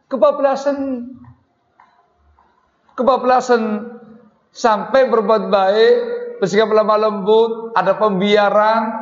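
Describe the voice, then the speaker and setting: Man preaching in an echoey hall. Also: mid-range voice. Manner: storytelling with Arabic phrases, repeats words for emphasis. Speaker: Islamic preacher. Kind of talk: religious lecture. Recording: muffled echoey hall recording.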